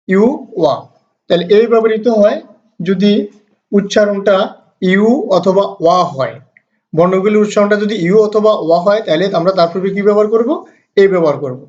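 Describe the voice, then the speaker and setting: A man teaching English grammar in a recorded lesson, explaining rules patiently, with many hesitations and slow, deliberate reading of English examples. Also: sits high, darkish tone. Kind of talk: recorded lesson, mixing two languages. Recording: dull lo-fi recording.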